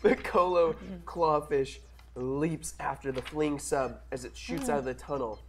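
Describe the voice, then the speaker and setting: A man's voice: a little high, fairly even intonation, measured pace. A man reading scripted action narration at a casual comic table read.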